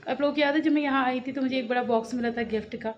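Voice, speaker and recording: Young mother vlogging at home, talkative and rambly, slightly high voice, filmed on a muffled phone mic. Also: fairly even intonation, very fast. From Uttar Pradesh, India. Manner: chatty, rambling, talks straight to viewers. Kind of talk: casual home vlog chat. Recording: dull lo-fi phone audio with faint household noise.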